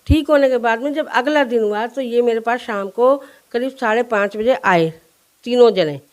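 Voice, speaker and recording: A woman with a notably high voice speaks in a news interview. She tells her account earnestly and in detail, slipping into the voices of the people she quotes. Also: moderate pace, darkish tone. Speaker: interviewee, shopkeeper. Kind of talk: recounting events in an interview.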